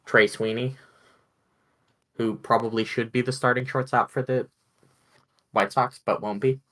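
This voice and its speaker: A man's voice: medium pitch, fairly even intonation, measured pace, fairly bright tone, poor audio. A man co-hosting a podcast in casual chat, rambling and hedging as he thinks aloud. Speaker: podcast co-host.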